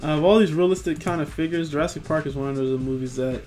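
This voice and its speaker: Speaking quickly with a darkish tone and a voice on the high side, a young man chats over on-screen images about collectible figures. He's tired after work, curses, and fumbles names, talking from a room at home with soft background music.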